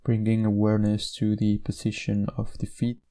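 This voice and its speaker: In a calm, lowish tone marked by an audible creak, a man walks listeners through a meditation. He paces each instruction carefully and lets gentle pauses fall between phrases.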